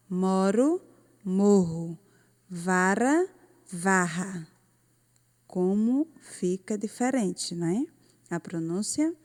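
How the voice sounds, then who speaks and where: Slow, patient Brazilian woman teacher. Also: medium pitch, a little mellow. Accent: Brazilian Portuguese. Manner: patient, explains step by step and repeats words. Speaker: primary school teacher. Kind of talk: recorded remote lesson for children.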